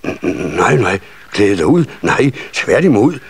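A man's voice: on the low side, big pitch swings, husky, dry recording, exaggerated voice. A man reading a children's story and voicing a jolly, coaxing Father Christmas.

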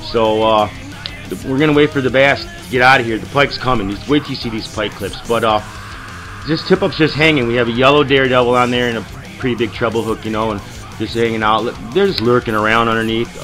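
A man hosting his own fishing show, giving a rambling, excitable voice-over with lots of fillers. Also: medium pitch. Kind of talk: casual voice-over commentary. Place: studio voice-over, not the pictured lake.

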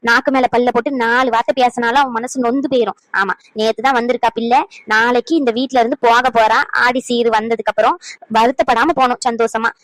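A woman voicing a sharp-tongued elderly grandmother in a cartoon, nagging and lecturing. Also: fairly high pitch, no room sound, close to an everyday voice, rough recording. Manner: nagging, lecturing, old sayings. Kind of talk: cartoon voice acting.

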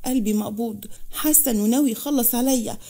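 A woman's voice: on the high side, quick pace, dark tone. A woman voicing a frightened, wary young bride with an Egyptian accent, speaking in a guarded way. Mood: fearful. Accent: Egyptian Arabic. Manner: fearful, guarded.

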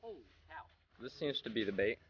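A teenage boy holds his phone at arm's length by a small creek, narrating a fishing trip in a rambling, laid-back vlog and often hedging with "I don't know." His mid-range voice swings widely in pitch and runs a little fast, and the audio sounds dull.

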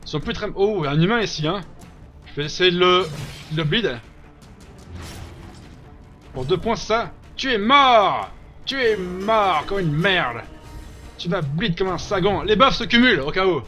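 High, lively man commenting on a game. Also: normal speed, pauses often, faint music behind. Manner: reacts loudly, jokes and swears at the game. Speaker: let's play host. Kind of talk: casual gameplay commentary.

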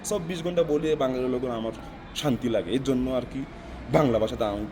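Man, Noakhali-accented Bengali learner, rattles through rambling answers at high speed, outdoor street noise. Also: animated, quick pace, warm tone. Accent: Noakhali Bengali dialect, non-native. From South Africa. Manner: rambling, keeps asking "right?". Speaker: interviewee. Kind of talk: casual interview answers.

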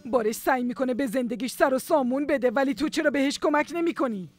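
A woman's voice: high voice, faint music behind, close to an everyday voice. A woman dubbing a wounded, proud mother. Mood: hurt. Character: older mother, hurt and proud. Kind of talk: Persian dubbing of a drama series.

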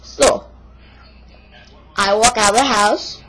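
A woman's voice: mid-range voice, slow pace, fairly bright tone, breathy edge. A woman doing a grumbling fake-Russian meatloaf lover. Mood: indignant. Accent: put-on Russian accent. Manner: broken English, dropped articles, exaggerated complaining. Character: indignant young Russian woman, meatloaf-obsessed, stubborn. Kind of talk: comic monologue in character. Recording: noisy home video recording.

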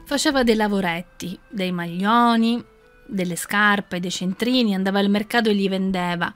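Conduttrice radiofonica che racconta una storia. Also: female voice, mid-range voice, moderate pace, faint music behind. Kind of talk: storytelling narration.

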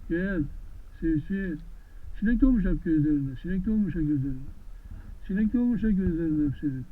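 A man talking gently to horses in an outdoor pasture, coaxing them with affectionate, repeated questions. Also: fairly high pitch, expressive, a little fast. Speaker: vlogger visiting wild horses. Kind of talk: casual talk to animals. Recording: tinny lo-fi phone-like sound, faint noise.

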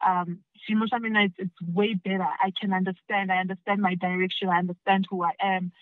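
A woman's voice: mid-range voice, level tone, fast, no room sound. South african woman, dry dull podcast sound. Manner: switches between English and Tsonga, repeats words as she starts. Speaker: guest actress. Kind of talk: casual podcast chat.

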